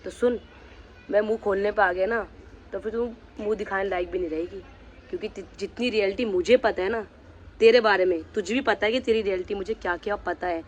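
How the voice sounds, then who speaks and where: A man's voice: sits high, a little fast, slight background noise. A man vlogging, angrily confronting someone directly and threatening to reveal the truth about them. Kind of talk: angry vlog rant.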